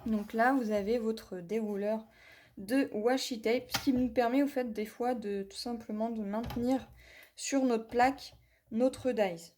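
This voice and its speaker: A woman's voice: a little high, fairly even intonation, unhurried, darkish tone, a little hiss or hum. A woman reviewing a craft tool in a hands-on demonstration, talking viewers through each step and apologizing for her English pronunciation. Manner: chatty, talks viewers through each step with many "voilà" and "hop".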